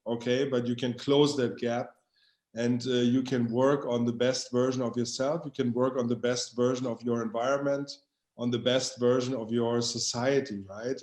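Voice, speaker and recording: A man's voice: medium pitch, darkish tone. A man speaking as a co-founder in an interview, earnest and rhetorical, checking in with "right?" often. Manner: earnest, rhetorical, tag questions. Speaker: co-founder, guest. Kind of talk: inspirational interview answer. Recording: roomy echoey audio.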